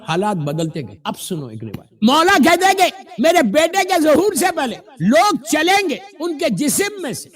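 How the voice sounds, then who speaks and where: A man with a Pakistani Urdu accent preaching an impassioned sermon, swinging from loud exhortation down to low murmurs. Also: wildly swooping pitch, few pauses. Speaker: Shia scholar preaching a majlis.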